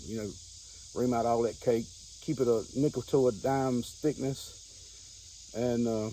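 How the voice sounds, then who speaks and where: A man with a mellow, relaxed voice and a Southern American accent chats in an unscripted vlog style. He is folksy and rambles, often repeating his phrases. He is recorded outdoors, with crickets and insects clearly audible behind him. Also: mid-range voice, a little hiss or hum, poor audio. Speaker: pipe-smoking hobbyist video host. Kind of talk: casual unscripted vlog talk.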